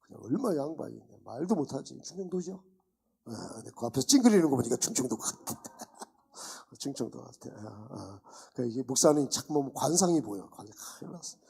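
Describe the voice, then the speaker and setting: A man preaching a sermon as a pastor, animated, firing rhetorical questions at the congregation. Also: medium pitch, fast, creaky, slightly rough. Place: church.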